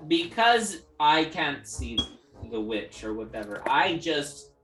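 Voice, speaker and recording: A woman playing in a tabletop game who jokes around in a lively way, with fillers. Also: low voice, slow pace, over music, poor audio. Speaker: player. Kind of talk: casual tabletop play.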